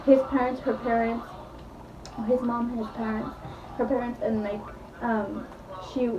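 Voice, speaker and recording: A young-sounding woman with a high voice chats her way through a movie plot, piling on "like" and acting out quotes. She sits back from the mic in an echoey room, and the sound is a little dull. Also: flat delivery, measured pace, far from the mic, background noise. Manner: rambling, full of "like", acts out quotes. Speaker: beauty vlogger. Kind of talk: casual retelling of a movie plot.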